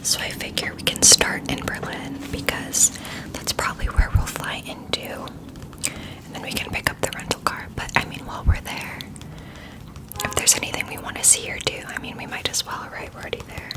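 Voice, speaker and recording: A woman in a whispered role-play, chatting as if to a close friend, keeping hushed and quiet at night so nobody wakes. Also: a little fast. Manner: quiet at night, hushed so as not to wake others. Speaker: ASMR performer.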